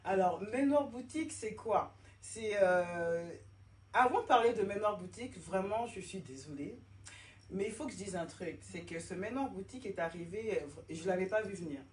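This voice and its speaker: A woman in her forties from France, telling her own story in a casual interview, animated and acting out the voices she quotes. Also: medium pitch, normal speed. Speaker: interview guest, fashion designer. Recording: roomy echo, distant mic, faint noise.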